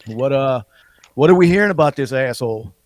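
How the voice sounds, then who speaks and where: Sex: man. Role: podcast host. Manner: rambling, filler-heavy. Pitch: medium. Room: dry. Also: expressive, a little fast, dry recording. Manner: rambling, full of "you know" fillers. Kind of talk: casual chat.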